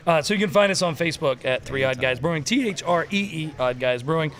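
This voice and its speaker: A man's voice: fairly high pitch, lively intonation, fast, a crowd in the background. A man, hosting a casual podcast, joking and loose. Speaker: podcast host. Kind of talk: casual banter.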